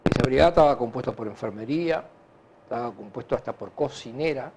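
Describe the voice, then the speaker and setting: A man with a Uruguayan Spanish accent answering conversationally in an interview, halting and repeating himself as he recounts anecdotes. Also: mid-range voice, background noise. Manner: animated, halting and repetitive, with frequent filler tags. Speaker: interview guest, hospital director.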